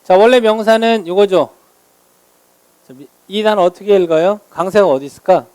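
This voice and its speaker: A man teaching English vocabulary in a lecture, explaining meanings and slowly modeling each word's pronunciation. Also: high voice, a little mellow, smooth, no echo.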